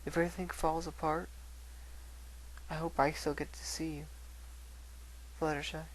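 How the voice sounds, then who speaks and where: Man voicing a soft, timid, sorrowful girl pony. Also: a little high, level tone, normal speed, a little hiss or hum, close to an everyday voice, rough recording. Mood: sad, tender. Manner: soft, hesitant, wistful. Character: timid, sorrowful female pony writing to a friend. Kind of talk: dramatic reading of letters.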